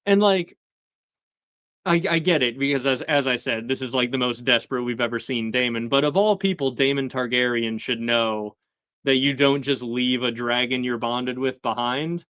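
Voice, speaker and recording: Chatty man recapping, smooth dry voice. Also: medium pitch, moderate pace, dry recording. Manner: chatty, animated, acts out quoted lines. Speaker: show host recapping a TV episode. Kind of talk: casual live-stream commentary.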